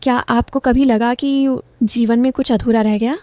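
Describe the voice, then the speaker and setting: A man's voice: very high-pitched, fairly even intonation, normal speed, a little mellow, no room sound. Woman voicing a coaxing young son-in-law.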